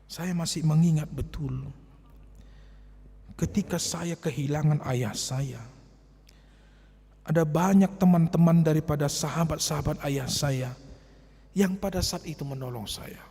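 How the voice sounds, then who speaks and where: A man preaching a sermon as pastor, telling a personal story in a hushed voice and then building to loud, passionate exhortation. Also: a little high, a little slow, creaky, long pauses, slight background noise. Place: church. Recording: church hall reverb.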